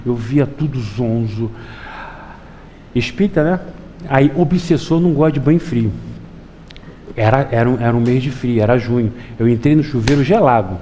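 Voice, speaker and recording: A man's voice: normal speed, pauses often, slight background noise. A middle-aged man giving a Spiritist public lecture, telling folksy stories and often asking the audience to agree. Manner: lively storytelling with wide pitch swings.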